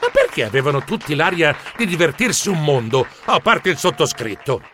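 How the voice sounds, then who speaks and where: A man's voice: fairly high pitch, big pitch swings, fairly quick, pushed and bright, slight background noise. A man narrating a children's story in a playful, theatrical way. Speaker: audiobook narrator.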